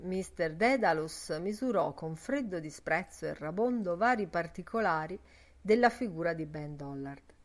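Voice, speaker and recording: A woman's voice: fairly low pitch, lively intonation, normal speed. Woman reading a literary audiobook. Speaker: audiobook narrator.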